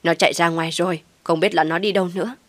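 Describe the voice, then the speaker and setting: A worried older mother in an audio story, voiced by a woman frets in a hurry. The voice is lowish and dry. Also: fairly even intonation, no echo, lightly acted. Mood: anxious. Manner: fretful, hurried. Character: worried anxious old mother Khánh.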